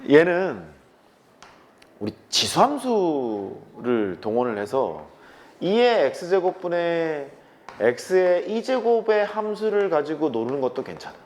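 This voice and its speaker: A man's voice: a little high, sing-song, slow pace. A man teaching math to a class, blunt and teasing, swearing casually at his students as he works problems on the board. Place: classroom with chalkboard.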